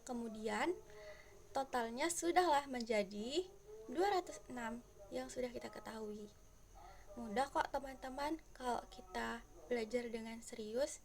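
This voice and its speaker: A woman's voice: fairly high pitch, measured pace, creaky. A woman teacher giving a classroom-style lesson, patiently explaining step by step and speaking directly to her viewers.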